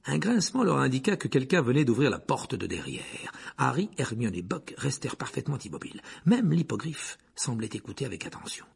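A man's voice: medium pitch, sing-song, brisk, gravelly, few pauses, breathy edge. A man narrating a storybook expressively, voicing each character in turn. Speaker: audiobook narrator.

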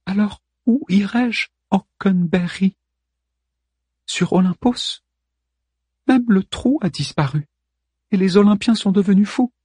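A man voicing a cold, scheming woman who speaks softly and sweetly with quiet menace, read aloud in an audiobook. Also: high voice, slow, pauses often, husky, no room sound, pitched above the performer's own voice, heavily acted. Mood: desperate. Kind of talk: audiobook character reading.

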